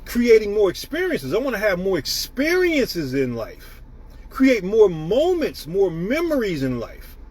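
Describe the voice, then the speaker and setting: A man's voice: sits high, wildly swooping pitch, unhurried, darkish tone, breathy edge. A man in his fifties from the United States, hosting a live stream and giving a preachy motivational talk while greeting viewers by name. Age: 50s.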